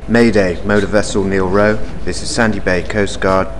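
A man's voice: low voice, fairly even intonation, moderate pace. A man acting as a coast guard operator, making clipped, formal calls over a marine radio transmission. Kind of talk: scripted radio procedure. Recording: loud static and noise.

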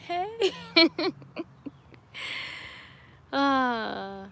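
A woman's voice: sits high, sing-song, very slow, vocal fry, bright, forceful tone, a little hiss or hum. Upbeat young woman chatting in a garden. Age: 20s. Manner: upbeat, chatty, laughs often. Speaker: YouTuber answering live chat. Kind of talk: casual livestream chat. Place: outdoors in a home garden. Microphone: webcam or phone at arm's length.

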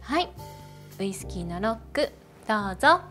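A woman acts out the part of a talkative snack-bar hostess, speaking in a gushing, feminine manner to an unseen customer in a role-play with no replies. Soft music plays behind her fairly bright, medium-pitched voice, which has a sing-song lilt at a moderate pace.

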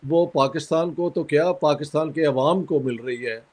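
Guy with a scratchy sore throat, kinda high voice, slow careful interview talk. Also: darkish tone. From Pakistan. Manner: measured, critical, frequent pauses. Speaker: interview guest. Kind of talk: conversational interview.

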